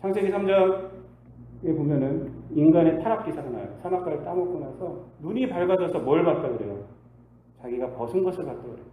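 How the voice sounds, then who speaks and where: A male pastor preaching a sermon, asking the congregation rhetorical questions and swinging between loud bursts and quiet asides. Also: a little high, fairly quick, phone-quality sound. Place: church sanctuary. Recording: echoey church hall with faint hiss.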